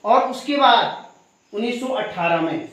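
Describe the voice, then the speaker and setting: A man's voice: high voice, lively intonation, a little slow, fairly bright tone. A man teaching at a school assembly, speaking to the students and asking them questions as he goes. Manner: keeps asking the audience questions and adding a tag question. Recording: very echoey hall.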